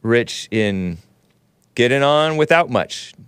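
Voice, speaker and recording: A man with a nasal voice hosts an easygoing, opinionated talk show, rambling, laughing frequently, and engaging with the live chat. His mid-range voice is expressive, slow, a bit bright, clear, and resonant, captured in clean studio sound with no echo.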